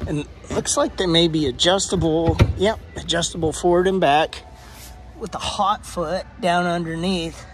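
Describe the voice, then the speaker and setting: A man casually filming a first-person walkthrough vlog in a large indoor boat showroom, talking in an excited, exclaiming, chatty way. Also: high voice, a little slow. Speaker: fishing vlogger touring a boat.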